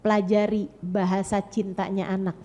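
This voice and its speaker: A woman's voice: mid-range voice, level tone, moderate pace, dark tone, lo-fi sound. A woman preacher giving an emphatic sermon to mothers, repeating lines for stress and acting out what parents say. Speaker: Islamic preacher.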